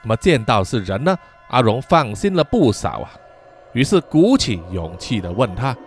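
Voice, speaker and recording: Animated male horror storyteller. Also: medium pitch, soft background music. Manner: dramatic with drawn-out sentence-final particles. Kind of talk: spoken horror story narration.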